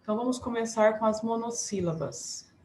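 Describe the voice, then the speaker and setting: A woman teacher giving a remote class to young pupils, slow and patient, spelling words out syllable by syllable. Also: on the high side, darkish tone. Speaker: primary school teacher. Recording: echoey room, faint background noise.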